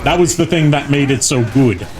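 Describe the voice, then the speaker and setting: A man giving casual, rambling gameplay commentary as a streamer, often pausing mid-thought. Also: a little high. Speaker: video game streamer. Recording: game music behind the voice. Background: video game music.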